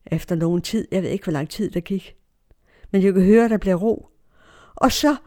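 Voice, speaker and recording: A woman's voice: mid-range voice, darkish tone. Older Danish woman, personal storytelling, vivid, acts out the voices of the people she quotes. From Denmark. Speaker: storyteller recounting her own life.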